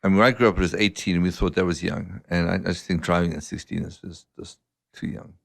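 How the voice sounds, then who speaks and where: A middle-aged eye surgeon guests on a casual podcast, telling stories in a relaxed, anecdotal way while poking fun at himself and laughing often. His low, gravelly voice is recorded close and dry with no echo, and he speaks at a quick, easy-flowing pace.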